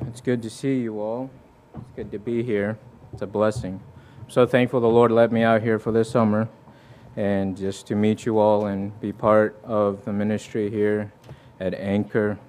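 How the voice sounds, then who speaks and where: This sermon with personal testimony comes from a young Fijian guest preacher who speaks sincerely and conversationally, quoting scripture and starting over at times. His voice is fairly low and slightly mellow, with a flat delivery and moderate pace.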